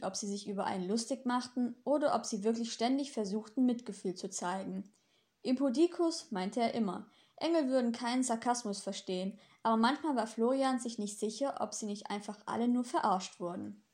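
Woman audiobook narrator, fairly high voice, steady and expressive. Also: brisk.

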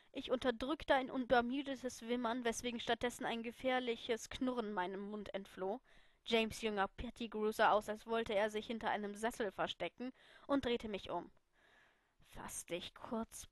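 Female storyteller, first person, lively read, slightly high voice, dry recording. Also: dry recording. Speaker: reader.

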